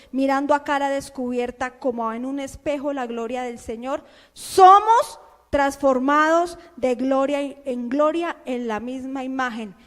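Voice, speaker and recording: A woman pastor preaching a fervent, scolding sermon, firing rhetorical questions at her listeners and swinging from low murmurs to shouts. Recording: long hall reverb.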